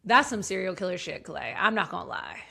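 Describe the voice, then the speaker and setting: A woman's voice: on the low side, big pitch swings, brisk, creaky, pushed and bright. A woman hosting a casual live show, giggling and swearing as she reads aloud with running asides. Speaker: podcast host.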